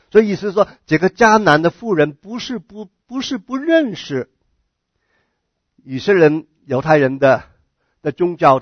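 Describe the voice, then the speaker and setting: A man's voice: high voice, no echo. A man preaching a sermon, earnest, often repeating words and asking the listeners questions. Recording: dull, dry lo-fi recording.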